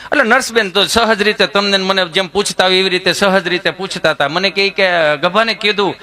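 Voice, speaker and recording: Bright, high-voiced man telling jokes. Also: steady tone, a little fast. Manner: acts out both sides of his jokes, switching voices. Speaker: stand-up comedian. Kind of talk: Gujarati folk comedy storytelling.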